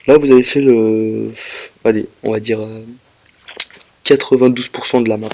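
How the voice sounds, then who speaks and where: A man's voice: lowish voice, steady tone, moderate pace, vocal fry, warm tone, slight background noise. A man casually commenting on his game as he plays, explaining each step to viewers and talking to the game, a little ill. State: slightly ill, coughing. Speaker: gameplay commentator. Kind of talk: casual gameplay walkthrough commentary.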